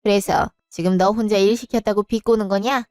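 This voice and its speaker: A scornful, nagging mother-in-law, as a woman narrator puts her on in a storybook drama. She scolds in drawn-out, smooth-voiced tones. The sound is dry and close, with faint music beneath. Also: medium pitch, fairly even intonation, a little mellow, no echo, close to an everyday voice. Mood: scolding. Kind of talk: storybook voice acting.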